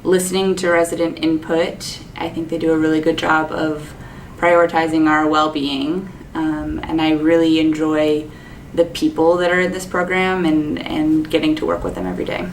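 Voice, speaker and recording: A woman's voice: sits low, moderate pace, far from the mic, a little hiss or hum, rough recording. A woman, a second-year medical resident, giving an upbeat testimonial with casual fillers. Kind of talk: promotional testimonial.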